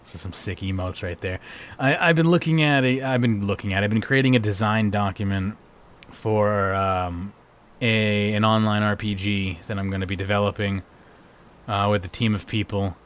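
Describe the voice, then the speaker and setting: A man with a hoarse voice, hosting and wrapping up a livestream in a casual, rambling way. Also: lowish voice, fairly even intonation, moderate pace, fairly bright tone. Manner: rambling, laid-back. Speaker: livestream host. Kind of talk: casual stream sign-off chat.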